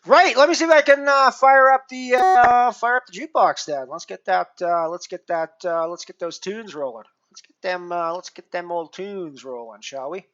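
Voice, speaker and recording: A poker streamer talks casually to the live chat at a mid-range pitch, rambling and restarting sentences as thoughts come. The stream audio sounds dull and lo-fi, with the top end muffled. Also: normal speed, few pauses, fairly bright tone. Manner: rambling, with many fillers and restarts, chatting to viewers.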